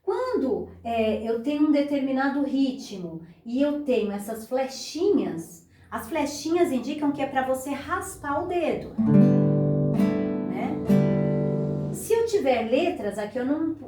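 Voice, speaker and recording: High-voiced woman teaching guitar. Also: very animated, measured pace. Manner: patient, explains step by step, counts beats aloud. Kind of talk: beginner guitar lesson. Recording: echoey room, voice a bit far from mic, guitar playing.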